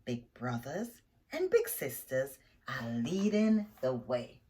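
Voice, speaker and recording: Her pitch is extremely low as she reads a children's picture book with lively expression, breaking off to explain the plot simply to the young listeners.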